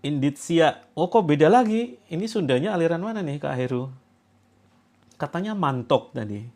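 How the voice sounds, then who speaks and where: A man from Java, coaching a group through a healing session. He gives instructions, jokes, and breaks into loud commands. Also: fairly high pitch, expressive, normal speed. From Java, Indonesia.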